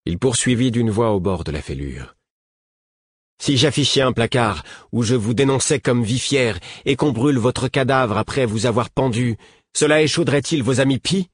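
A man's voice: deep voice, very animated, normal speed, darkish tone, slightly rough, no echo, pitched below the performer's own voice, exaggerated voice. A man voicing a frail, bitter man who speaks short of breath, his voice near cracking.

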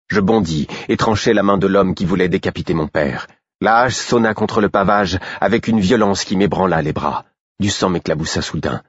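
Male audiobook narrator, very low husky voice, dry and slightly muffled recording. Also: no room sound. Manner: measured, dramatic reading. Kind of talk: scripted narration.

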